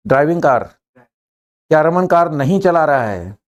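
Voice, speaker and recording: An older man teaching an English class in a classroom, brisk and joking, pushing students to answer quickly. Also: on the high side, animated.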